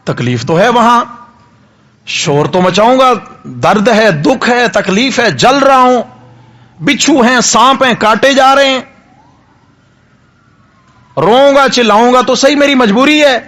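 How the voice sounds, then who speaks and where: A man's voice: extremely high pitch, lively intonation, long pauses, fairly bright tone. A male preacher acting out a condemned man in hell, pleading with insistent repetition. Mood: anguished pleading.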